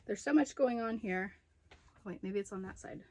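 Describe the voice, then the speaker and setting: A woman's voice: medium pitch, normal speed, dark tone. A woman chatting casually in a home video as she shows off her craft projects. She rambles a little and stops to remember details. She sounds slightly out of breath after being ill. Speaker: crochet and knitting vlogger. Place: room at home with poor lighting.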